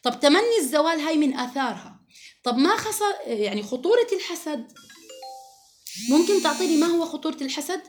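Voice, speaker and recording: Her delivery is sing-song as she teaches a group of women a religious lesson, her high voice moving fast. She stresses points earnestly and often quotes scripture, with faint music playing behind her.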